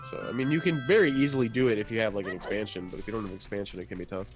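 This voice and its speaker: A man's voice: fairly low pitch, very fast. A man casually chatting on a game stream, explaining game rules in a knowledgeable way. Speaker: streamer, co-player. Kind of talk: casual gaming chat. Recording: game music behind. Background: game music.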